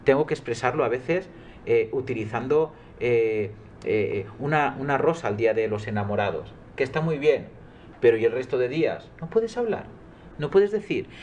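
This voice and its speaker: A man's voice: medium pitch, normal speed, darkish tone, highs cut off, a little hiss or hum. A middle-aged man, a coach, answering interview questions earnestly and emphatically. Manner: earnest, emphatic, quotes his own dialogues.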